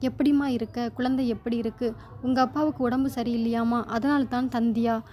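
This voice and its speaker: A woman doing a gentle, worried old father-in-law. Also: fairly high pitch, fairly even intonation, a little hiss or hum, lightly acted. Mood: concerned. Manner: slow, reassuring. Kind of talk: storybook narration.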